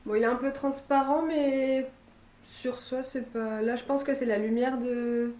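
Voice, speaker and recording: A woman's voice: sits high, steady tone, measured pace, dark tone. Chatty young woman, Lille accent, echoey room. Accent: Lille, northern France. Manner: chatty, hesitant, many fillers and restarts. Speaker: sewing and knitting vlogger. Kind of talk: casual chat to camera. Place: room at home with a bay window.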